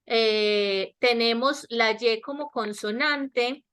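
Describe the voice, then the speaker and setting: A woman teacher with a Latin American Spanish accent explains grammar in an online class, slowly and patiently. Her voice is bright and fairly high. She keeps asking whether the students follow. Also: clean tone. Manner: slow, explanatory, checks understanding with repeated questions. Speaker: English teacher. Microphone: webinar headset or laptop mic.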